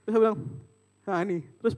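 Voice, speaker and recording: A man's voice: high-pitched, fast. A young man telling a funny personal story in a casual sermon, joking with his listeners and acting out family members' voices. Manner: animated, joking with the audience, mimics family voices. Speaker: preacher. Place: church service room.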